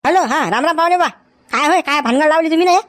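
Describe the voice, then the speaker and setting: A woman plays an excitable middle-aged village uncle. The talk is very fast and scolding in a high voice. It sounds flustered and keeps demanding "huh?".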